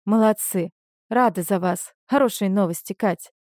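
A woman's voice: mid-range voice, normal speed, a little mellow, no room sound, clean studio sound, lightly acted. A woman voicing a weary, guarded wife. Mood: subdued. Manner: subdued, guarded.

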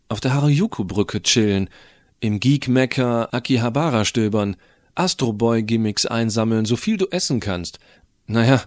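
In this audio drama, a man voices a geeky, cheeky teenage boy narrating his own story in colloquial, expressive first person. His mid-range voice sounds close to an everyday one, with no echo, and the mood is enthusiastic and cheeky.

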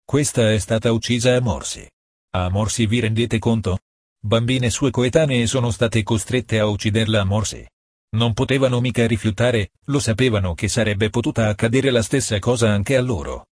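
A man voicing a furious male police investigator who shouts and rants in an audiobook reading. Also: fairly low pitch, moderate pace, no room sound, studio quality, natural voice. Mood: frantic ranting. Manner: shouting, ranting.

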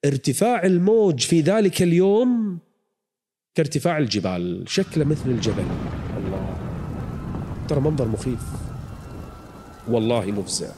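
A man telling a prophet's story as a preacher, dramatic, moving from hushed tones to loud pleading. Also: mid-range voice, lively intonation, moderate pace, pauses often. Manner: dramatic, swings from hushed to near-shouted pleading. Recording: long hall reverb.

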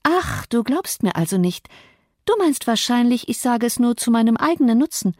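A woman narrator voices a proud, sharp-tongued young woman in an audiobook. She talks with cutting emphasis. The sound is dry and close. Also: a little high, sing-song, normal speed, dry recording. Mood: cold.

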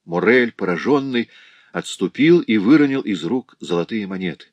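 A man narrating a novel as an audiobook reader, measured and slowing in tense moments. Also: on the low side, lively intonation, darkish tone, no room sound, highs cut off.

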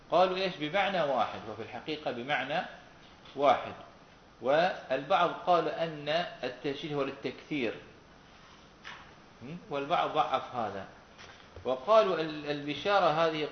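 Man teaching a class. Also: medium pitch. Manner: asks students questions and repeats their answers. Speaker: Quran recitation teacher. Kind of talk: classroom lesson with questions to students. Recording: roomy, dull recording with faint noise.

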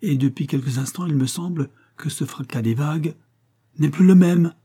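An anxious, excitable army lieutenant, as a male narrator puts him on, his voice climbing high when hope flares. He talks urgently through a husky, warm tone, in a storybook reading. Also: fairly quick, natural voice. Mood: uneasy. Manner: urgent, rising to excited exclamations.

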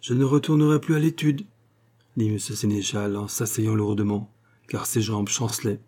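A man's voice: on the low side, fairly even intonation, moderate pace, dark tone, lightly acted. A man voicing an honest, timid old head clerk in an audiobook, speaking in a trembling, wounded way. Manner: trembling, embarrassed, then indignant. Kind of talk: audiobook character reading.

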